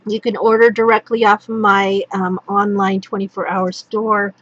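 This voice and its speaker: Seated indoors at a wooden table, a craft demonstrator from Northern California leafs through a product catalog, hands only on an overhead camera. Her hoarse, failing voice is mid-range and flat at a normal speed, rambling with ums and restarts. The recording is muffled with a noisy background.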